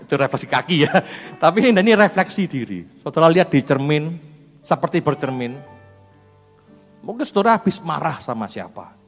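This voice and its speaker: A male pastor preaches in a relaxed, storytelling way, chuckling often as he talks. His pitch swings widely and lively. The voice carries a long church-hall reverb, with soft music faintly behind him. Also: brisk. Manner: chatty, animated storyteller who laughs often. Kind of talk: sermon with personal storytelling.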